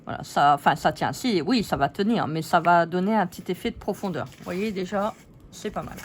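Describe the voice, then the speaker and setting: A woman with a fairly low, brisk voice hosts a casual scrapbooking tutorial, chatty and giggly, poking fun at herself as she works. Slight background noise can be heard.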